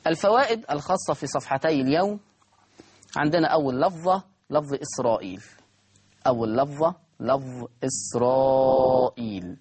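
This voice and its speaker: A man with an Egyptian accent teaching Quran recitation, repeating words slowly to show how they sound and asking his listeners rhetorical questions. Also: mid-range voice, husky. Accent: Egyptian Arabic. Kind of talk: recorded recitation lesson.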